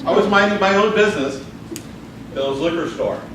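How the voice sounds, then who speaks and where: A high-voiced man competes in a speech contest by spinning a tall tale, delivering it dramatically and slowly with plenty of pauses. The recording comes from a far-off camera mic in a large indoor venue, making it echoey and noisy, and the audience can be heard laughing over the room's background noise.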